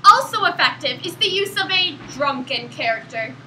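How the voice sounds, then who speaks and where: A woman performing a comedy skit, narrating mock instructions with a brisk delivery. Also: high voice, very animated, bright, forceful tone, a little hiss or hum, rough recording. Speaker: student performer.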